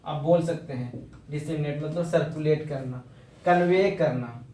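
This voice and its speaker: A man with a fairly high, warm voice, captured from a distance, teaches English words in an echoey room. The informal vocabulary lesson goes slowly, in Hindi mixed with English, with words repeated and spelled out.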